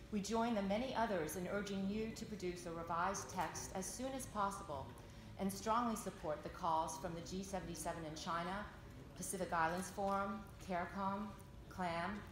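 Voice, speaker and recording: A woman with a slightly low voice delivers a formal speech in an echoey conference room. There is clear noise in the recording. She reads as a delegate, measured and earnest, with emphasis on her points. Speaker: NGO delegate speaking for an alliance. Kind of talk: formal prepared closing statement, read out. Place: large indoor conference meeting room.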